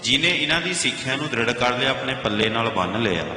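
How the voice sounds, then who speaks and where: A man's voice: medium pitch, lively intonation, fast, bright, forceful tone. A man preaching a sermon, explaining verses line by line and at times chanting them. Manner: addresses listeners as "bhai" and "ji". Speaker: Sikh preacher explaining scripture. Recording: echoey hall reverb.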